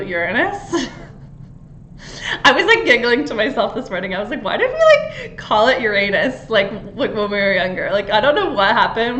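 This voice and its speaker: A woman's voice: mid-range voice, fairly bright tone, roomy sound, slight background noise, low-quality recording. A woman spiritual coach giving a casual astrology talk, chatty and full of fillers, with the odd giggle.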